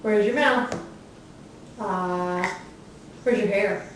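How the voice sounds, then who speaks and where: A woman in a home video slowly quizzing a toddler with sing-song questions and soft laughs. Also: medium pitch, very noisy. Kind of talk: home video talk with a small child. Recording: roomy echo, mic off at a distance.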